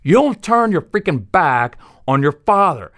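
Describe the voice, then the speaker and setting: A man telling a parenting story to an audience, animated and jumping up in pitch for emphasis. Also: unhurried. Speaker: parenting speaker.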